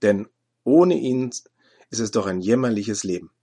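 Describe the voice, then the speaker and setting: A pastor preaching an earnest sermon, telling short anecdotes and acting out the people in them. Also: male voice, fairly low pitch, lively intonation, unhurried, dark tone. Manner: earnest preaching, acts out quoted dialogue.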